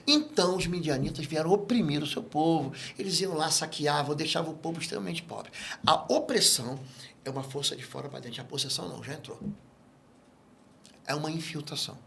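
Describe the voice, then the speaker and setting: A Brazilian man speaking as a guest pastor in an interview, with a voice pitched a little high for a man. He explains and teaches in an animated, storytelling way, slipping into other voices for dialogue. A faint hiss sits under the recording. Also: gravelly. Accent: Brazilian Portuguese. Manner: animated storyteller who acts out quoted dialogue. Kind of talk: interview, teaching on spiritual matters.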